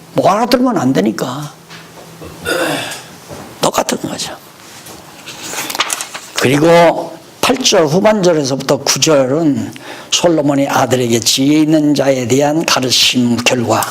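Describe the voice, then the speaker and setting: A man's voice: a little high, animated, measured pace, pauses often, a little hiss or hum. A man teaching a Bible study lecture, explaining verses and then telling stories from his own life.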